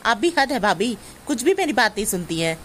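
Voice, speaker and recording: A woman's voice: a little high, very animated, fairly quick, fairly bright tone, slight background noise. A woman playing a spoiled, demanding grown daughter who whines and accuses in a family comedy skit. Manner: whiny, bossy, accusing.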